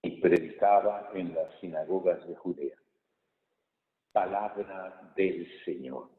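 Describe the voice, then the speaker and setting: Deep-voiced priest in cathedral echo. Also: male voice. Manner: measured reading, thoughtful homily with pauses and fillers. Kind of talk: Mass reading and homily. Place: large church. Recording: echoey church hall, tinny phone-like sound.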